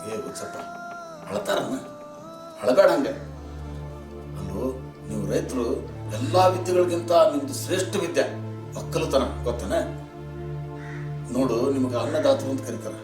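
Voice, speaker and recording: An actor playing a sly, preachy middle-aged village fixer who lectures in a North Karnataka Kannada accent. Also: male voice, mid-range voice, animated, moderate pace, pauses often, lightly acted. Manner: lecturing, patronizing, coaxing. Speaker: influential villager with bank contacts. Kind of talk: village short film acting. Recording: roomy distant mic with music.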